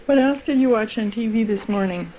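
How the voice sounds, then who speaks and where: A mother at home asks her toddler gentle, coaxing questions in a high voice. The old home tape recording carries a clear hiss behind her. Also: fairly quick, rough recording. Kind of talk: casual home conversation. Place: family home.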